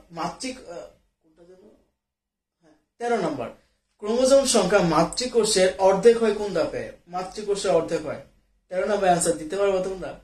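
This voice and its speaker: A man's voice: high-pitched, a little mellow, echoey room. A man tutoring biology in an online class, working through quiz questions in a casual way, mixing in English words and often checking that his students follow. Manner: mixes English words into speech.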